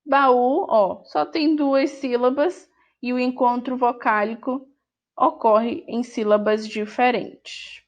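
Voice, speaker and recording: Slow, patient woman teacher. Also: fairly high pitch, fairly even intonation, darkish tone. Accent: Brazilian Portuguese. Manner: slow, patient, repeats each word. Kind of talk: online lesson correcting a workbook. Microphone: screen recording with voice-over.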